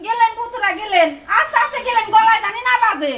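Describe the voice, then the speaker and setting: Bossy village mother-in-law, super high shrill voice, taunting, hissy background. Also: expressive, fast talker. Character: domineering scolding mother-in-law, middle-aged woman. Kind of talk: village family drama acting. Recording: noisy background.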